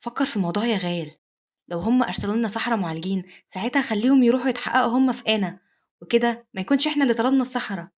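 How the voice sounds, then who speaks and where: A woman voicing a gentle, naive young noble wife in her Egyptian Arabic accent, brisk and slightly bright. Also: a little high, voice pushed up, natural voice. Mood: eager.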